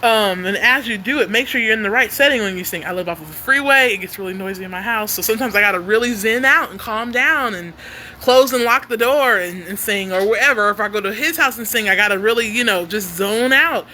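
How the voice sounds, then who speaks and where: A woman singer-songwriter chatting casually with her livestream viewers, animated and quirky, laughing often. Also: mid-range voice, brisk, a little hiss or hum. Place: home near a noisy freeway.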